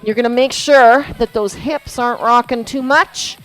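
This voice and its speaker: Captured in a low-quality recording with workout music behind her, a woman leads a core class at a fitness studio, talking at normal speed in a slightly high, somewhat bright voice. She's chatty and encouraging, laughs often, and demonstrates each move as she goes.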